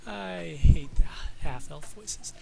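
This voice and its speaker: A man with a slightly high voice chats casually as he hosts a tour through a video game. His commentary is improvised and full of playful, self-mocking asides, with music clearly playing behind him. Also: moderate pace, rough recording. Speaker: gamer hosting a guided video game tour. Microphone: desk microphone, voice-over on game footage.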